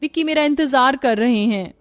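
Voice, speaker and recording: A woman's voice: normal speed, close to an everyday voice. A woman voicing a lazy, scheming young married woman in a cartoon, talking in a bratty, cheeky way. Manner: bratty and cheeky, high and sing-song. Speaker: sister-in-law character. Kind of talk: cartoon voice acting.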